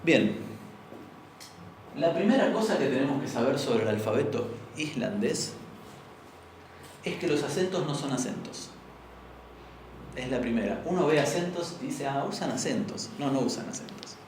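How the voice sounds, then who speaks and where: A man's voice: medium pitch, big pitch swings, normal speed, long pauses, a little mellow, recorded from a distance, slight background noise. A young man with an Argentine accent teaching an informal university class, explaining patiently and often checking with students. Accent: Argentine Spanish. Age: young adult. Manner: explanatory, asks the class for agreement. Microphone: far room microphone. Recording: very echoey room recorded from afar.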